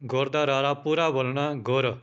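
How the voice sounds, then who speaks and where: A man teaches scripture pronunciation at a very slow, patient pace. His voice is smooth and clear, and he spells each word out letter by letter before saying it again. The recording sounds a little dull and lo-fi. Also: mid-range voice, fairly even intonation, fairly bright tone. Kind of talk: slow, careful recitation lesson.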